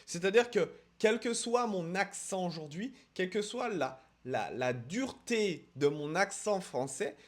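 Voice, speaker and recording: A man from France teaching English in a casual video lesson, emphatic, repeating words for stress and talking straight to the viewer. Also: sits high. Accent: French accent when speaking English. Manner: addresses viewer directly with quick asides.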